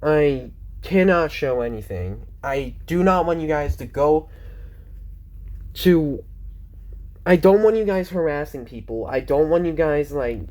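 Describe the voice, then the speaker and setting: A man's voice: on the high side, animated, a little slow, darkish tone. Teen boy rambling on a home vlog, tons of ums and restarts, sounds kinda teary. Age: teens. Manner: rambling, many fillers and self-corrections. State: sounds close to tears. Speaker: vlogger.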